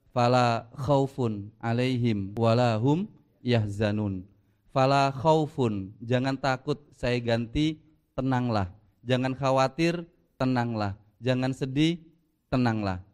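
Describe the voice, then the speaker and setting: A male preacher addressing a congregation in a clean, smooth voice. He jokes with his listeners and drives his points home by repeating phrases in a rolling rhythm. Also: mid-range voice. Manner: lively, joking, rhythmic repetition. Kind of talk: sermon at a mosque gathering.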